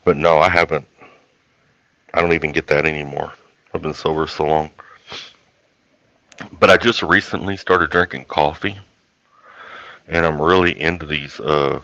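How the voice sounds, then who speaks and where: A YouTube host with a rumbling low voice, a sharp tone and a South Texas accent chats casually on a livestream. He rambles in a folksy, colloquial drawl, and the recording sounds dry and dull.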